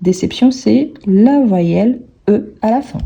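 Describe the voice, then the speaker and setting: A woman works through a grammar exercise as a French teacher, saying each word slowly and more than once. Her voice is husky and breathy, with a very dark, mellow tone. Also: mid-range voice, lively intonation, muffled recording. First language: Portuguese. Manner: slow, careful, repeats each word several times.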